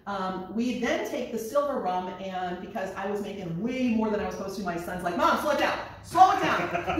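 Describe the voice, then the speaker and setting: A woman in her fifties, a distillery owner, telling her story in a lively, eager way while showing guests around. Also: medium pitch, slight background noise. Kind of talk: casual chat. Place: small distillery room, indoors. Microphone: far camera. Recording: echoey room from far off.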